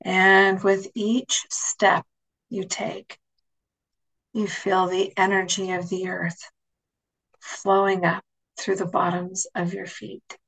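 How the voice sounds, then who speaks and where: A woman leading guided relaxation imagery as an instructor, speaking softly and soothingly, with phrases that sink toward a breathy near-whisper. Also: mid-range voice, flat delivery, slow pace, pauses often, poor audio.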